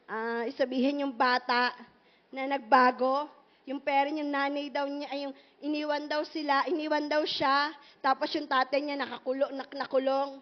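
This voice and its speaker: A woman pastor preaching a sermon in an animated, emphatic way, full of rhetorical questions, in a muffled recording. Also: high voice.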